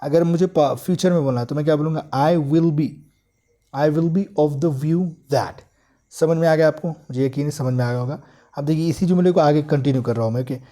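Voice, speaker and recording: A man from India giving an online English grammar lesson, with a mellow, relaxed tone pitched a little high. He explains patiently and stretches each example sentence out word by word. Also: fast. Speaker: English teacher.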